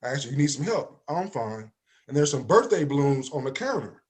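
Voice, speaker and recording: A life insurance agent in his forties from East Saint Louis, Illinois, USA, guests on a talk show, telling stories in an animated way. He acts out quoted dialogue and often adds "you know what I mean," in a medium-pitched, slightly rough voice at a little fast pace.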